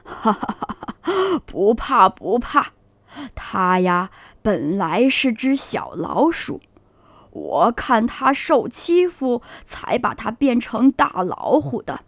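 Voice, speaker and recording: A woman voicing a calm, kindly old male magician in a children's story, speaking slowly in a low, soothing voice. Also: no room sound, exaggerated voice. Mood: reassuring.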